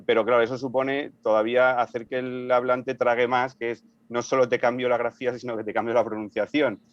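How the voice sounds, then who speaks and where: A man's voice: mid-range voice, flat delivery, brisk, no echo, dull audio. A man speaking in a casual panel discussion, thinking aloud and restarting his sentences. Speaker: panel guest.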